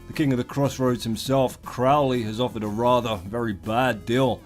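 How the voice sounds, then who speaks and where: British male game commentator, mid-pitched, theatrical and sweary, mock-grand delivery over background music. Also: steady tone, moderate pace. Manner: theatrical, irreverent, mock-grandiose with sudden exclamations. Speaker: gaming video host. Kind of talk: comedic game commentary, profane and colloquial.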